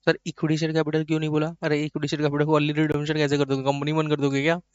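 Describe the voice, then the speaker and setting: A man's voice: on the high side, monotone, racing, darkish tone, smooth, no room sound, dull audio. A man teaching an accounting lecture in a chatty way, talking to students as kids and acting out their questions himself. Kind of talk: online lecture.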